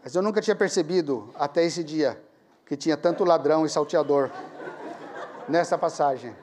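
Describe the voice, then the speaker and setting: A middle-aged male pastor telling a story in a sermon, animated and laughing at his own tale. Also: a little high, moderate pace, some chatter behind.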